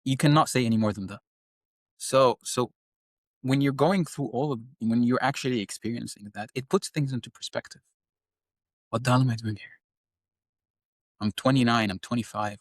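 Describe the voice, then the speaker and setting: A man's voice: medium pitch, no room sound, studio quality. A young man talking as a podcast guest, earnest and impassioned, often repeating words as he searches for the next one. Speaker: guest, engineer and science teacher. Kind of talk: conversational podcast talk on faith.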